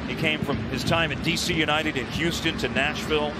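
A man doing live soccer play-by-play in measured, clipped phrases as the play builds. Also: fairly high pitch, steady tone, over loud music. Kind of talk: live match commentary. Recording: loud stadium noise behind.

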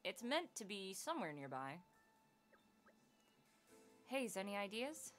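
Woman reading as a bright, practical adventurer. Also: mid-range voice, sing-song, measured pace, soft background music. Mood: composed. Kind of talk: hobby voice-over of video game dialogue.

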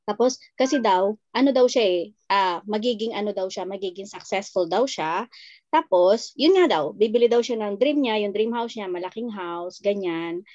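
A woman, a mother telling a lively family story in casual chat. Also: medium pitch, normal speed, no room sound, dull audio. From Philippines. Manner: animated storytelling, quoting family.

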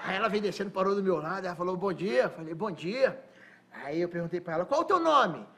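A fast-talking Rio hustler. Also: male voice, high voice, lively intonation, very noisy. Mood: boasting. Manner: rambling, stammering restarts, slangy swagger. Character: boastful streetwise Rio hustler man, tall-tale teller. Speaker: comic character on a sketch show. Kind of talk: stand-up style comic storytelling. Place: TV studio stage.

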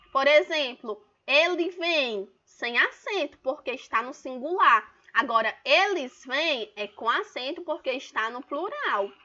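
A woman's voice: high-pitched, pushed and bright, dull audio. A woman teacher giving an online grammar lesson, explaining patiently and drawing out example words for stress.

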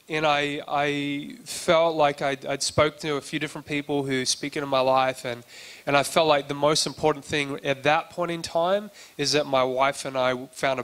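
A man's voice: mid-range voice, a bit bright, clear, resonant tone. A man preaching a sermon and telling his own story in a loose, conversational way, acting out the dialogue he quotes. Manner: conversational, acts out quoted dialogue, frequent restarts. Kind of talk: sermon testimony.

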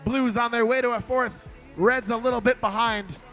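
A man announcing a robotics match with energetic, excited play-by-play commentary in a competition arena. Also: extremely high pitch, normal speed, faint music behind.

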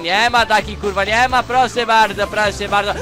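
A man's voice: high-pitched, steady tone, normal speed, loud music behind the voice. A man giving gameplay commentary, ranting angrily and swearing constantly at the game. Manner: angry swearing rants at the game. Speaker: gaming channel host.

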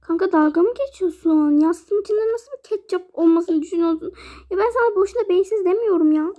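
A woman's voice: very high-pitched, fairly quick, mellow. A woman voicing an exasperated young girl in a doll life-sim game, whiny and indignant at her prankster friend. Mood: annoyed.

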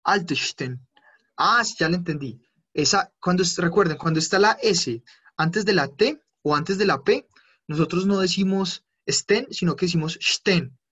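A man teaching a live online German class, who explains slowly, spells out endings and corrects himself often. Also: sits high, sharp tone, husky, highs cut off.

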